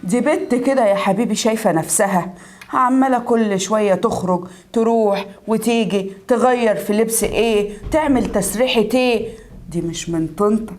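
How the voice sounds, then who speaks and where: A woman's voice: medium pitch, moderate pace, darkish tone, close to an everyday voice. A woman with an Egyptian accent playing a suspicious, scheming mother-in-law who nags her son. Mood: nagging. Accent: Egyptian Arabic. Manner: nagging, needling, scolding.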